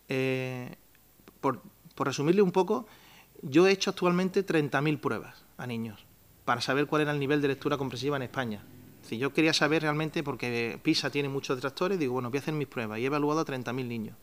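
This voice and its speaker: A man's voice: medium pitch, a little fast. Spanish man presenting at a press conference. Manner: explains step by step with many restarts and fillers; asks himself rhetorical questions and answers them. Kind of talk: explanatory press-conference talk. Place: town hall press room.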